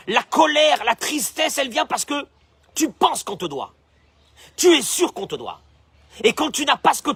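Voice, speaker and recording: A man preaching a sermon in an animated way, acting out voices, asking rhetorical questions and quoting Hebrew passages. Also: high voice, slightly rough, dry recording. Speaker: rabbi.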